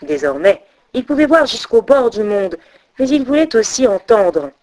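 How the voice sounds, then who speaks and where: A woman storyteller narrating a myth in an expressive, dramatic reading. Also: on the high side, normal speed.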